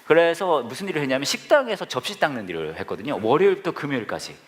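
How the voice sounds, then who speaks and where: Male pastor, quick animated jokey sermon delivery, slightly high voice. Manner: jokey, self-deprecating, animated. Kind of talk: humorous storytelling sermon. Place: church service with live congregation.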